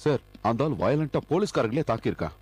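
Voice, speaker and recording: An actor playing a deferential police officer giving hurried explanations, in a dubbed film. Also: male voice, mid-range voice, big pitch swings, darkish tone, slightly rough, no echo. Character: deferential male police officer reporting to superiors.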